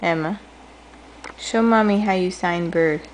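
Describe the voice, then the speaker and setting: A woman's voice: lowish voice, measured pace, a little hiss or hum, low-quality recording. A young mother at home patiently coaching her toddler, repeating simple prompts and praise. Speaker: mother teaching her toddler baby sign language.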